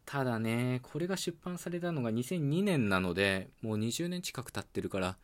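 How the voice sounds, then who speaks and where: A man from Okayama with an Okayama accent, hosting a calm solo talk show and explaining things in a relaxed, chatty way with fillers. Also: medium pitch, fairly quick. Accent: Okayama dialect. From Okayama, Japan. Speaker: podcast host.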